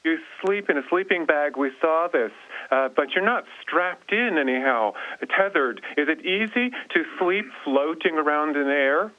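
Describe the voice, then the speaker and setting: A man interviewing an astronaut over a radio link, asking questions in a halting way and rephrasing them. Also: fairly high pitch, lively intonation. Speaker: media interviewer. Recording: thin, narrow-band radio link.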